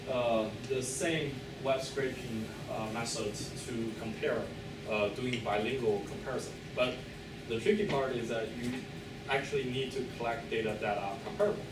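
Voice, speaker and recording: A man giving an academic thesis defense presentation in a hesitant, hedging, halting way, with many filled pauses. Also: mid-range voice. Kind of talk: academic presentation, loosely scripted. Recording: echoey room, distant mic, clear background noise.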